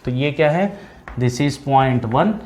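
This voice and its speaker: A man tutoring engineering students, reading problem text slowly and adding quick asides that keep checking in with "है ना". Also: medium pitch, a little mellow, a little hiss or hum. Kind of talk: whiteboard lecture.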